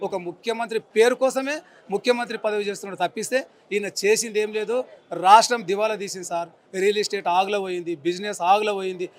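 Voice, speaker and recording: A man in his forties with a Telangana Telugu accent rants angrily and emphatically in a street interview, repeating his insults. He's a member of the public, and his voice is high with a fairly bright tone.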